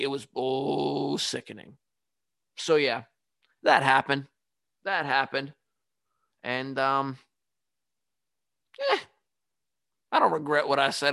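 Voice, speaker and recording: Gravelly man ranting on his podcast. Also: mid-range voice, no echo. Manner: animated, ranting, self-mocking. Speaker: podcast host. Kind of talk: casual solo monologue. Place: home studio.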